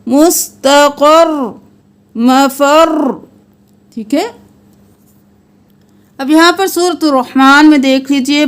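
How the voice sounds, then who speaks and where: High-voiced woman teaching Quran recitation. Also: clean tone. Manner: patient step-by-step explaining, chanting verses slowly and melodically.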